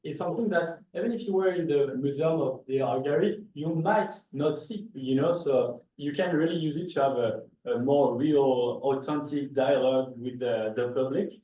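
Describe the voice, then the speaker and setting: A man's voice: medium pitch, normal speed, hardly any pauses, dark tone. Man with a strong French accent. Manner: hesitant, many fillers. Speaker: art gallery founder. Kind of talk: panel discussion answer. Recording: echoey room, distant mic, faint noise.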